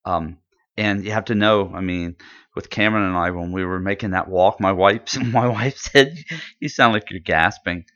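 Deep-voiced man chatting casually. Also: normal speed, a bit bright. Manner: rambling, enthusiastic, many fillers. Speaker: podcast co-host. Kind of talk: casual chat. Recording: dull lo-fi audio.

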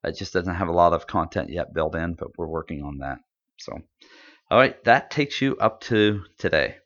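A man's voice: low voice, normal speed, fairly bright tone. A man co-hosting a podcast in casual chat, rambling and enthusiastic with lots of fillers. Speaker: podcast co-host. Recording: dull lo-fi audio.

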